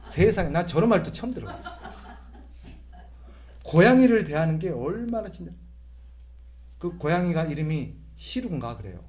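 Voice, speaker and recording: Male pastor, middle-aged, humorous sermon, lively pitch swings, imitates voices, call-and-repeat with congregation. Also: moderate pace, pauses often. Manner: asks the congregation to repeat phrases.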